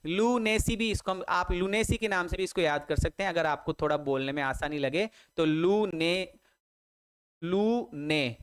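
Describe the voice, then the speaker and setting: A man's voice: fairly high pitch, smooth. A man teaching English vocabulary online for exam prep, repeating words and spelling them out letter by letter, with jokey memory tricks and calls to his students. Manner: repetitive, drills spellings letter by letter.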